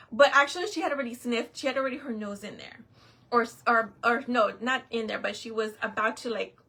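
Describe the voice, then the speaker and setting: A middle-aged woman tells a long, rambling story in a loose vlog style, circling back and piling up fillers as she goes. Her voice sits a little high, with a bright, forward tone. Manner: chatty, rambling, lots of fillers and restarts. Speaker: vlogger. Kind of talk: casual storytelling.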